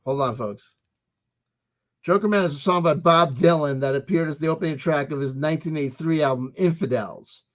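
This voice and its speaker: A man's voice: fairly high pitch, a little fast, a bit bright. A man around middle age hosting a rambling livestream monologue, talking in an emphatic, insistent way and repeating himself. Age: 30s to 40s. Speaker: livestream host.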